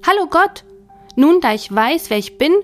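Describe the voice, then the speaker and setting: Lady putting on a tiny cheeky soul, high and eager, full of questions, soft music underneath. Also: big pitch swings, moderate pace. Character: small curious childlike soul, eager and cheeky.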